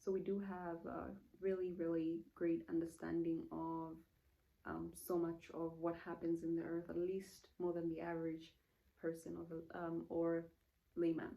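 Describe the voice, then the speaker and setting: A woman's voice: on the low side, monotone, moderate pace, gravelly, dark tone, low-quality recording. A woman in her late twenties from Zambia, chatting casually on her vlog in a rambling, self-correcting way with many fillers, while saying she feels hot in the room. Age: late 20s. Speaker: vlogger. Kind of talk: casual get-to-know-me vlog. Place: indoor room.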